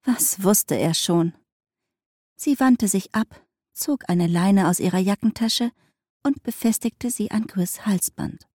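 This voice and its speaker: A woman narrating a novel in an even, measured way. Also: mid-range voice, no room sound, studio quality. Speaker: audiobook narrator.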